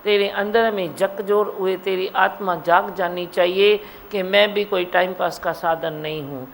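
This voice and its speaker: A woman's voice: medium pitch, fairly even intonation, unhurried, creaky, slight background noise, low-quality recording. A woman, a spiritual teacher giving an exhorting devotional discourse at a live gathering. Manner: exhorting, repetitive, quotes devotional verses. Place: satsang hall.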